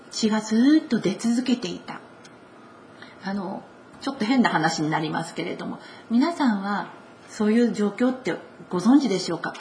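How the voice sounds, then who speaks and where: Woman, Kansai accent, sermon, conversational, acts out quoted lines, slightly high voice, faint background hiss. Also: a little mellow. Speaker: pastor.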